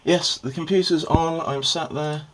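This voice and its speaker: A man's voice: fairly high pitch, fairly even intonation, measured pace. A man in his thirties talking casually, with noise on the recording. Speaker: video maker playing along as call recipient. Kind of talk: casual talk and phone conversation. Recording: clear background noise and clicks.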